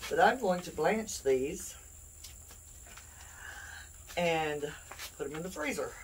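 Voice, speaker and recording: A woman's voice: low-pitched, animated, slow, a little hiss or hum, rough recording. A woman hosting a homestead cooking video, chatty and playful, joking and laughing as she explains the steps. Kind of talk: casual kitchen demonstration. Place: home kitchen.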